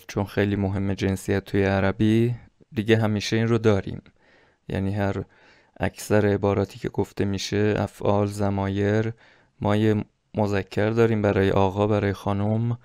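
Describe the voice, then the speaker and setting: A man teaching a recorded lesson, explaining patiently and repeating example phrases slowly and clearly. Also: on the low side, darkish tone, no room sound, studio quality. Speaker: Arabic dialect teacher.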